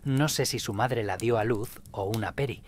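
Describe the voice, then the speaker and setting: A man voicing a wise old man who speaks gravely and like a father to a young stranger. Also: medium pitch, moderate pace, a little hiss or hum, lightly acted. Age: older.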